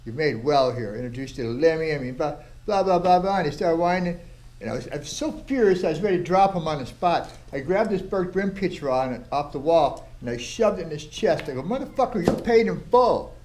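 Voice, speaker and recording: A man's voice: on the high side, expressive, brisk, a little mellow. An older man, a tattoo artist, telling blunt, profane stories and acting out what people said. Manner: profane, blunt storytelling with acted-out quotes. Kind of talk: storytelling interview.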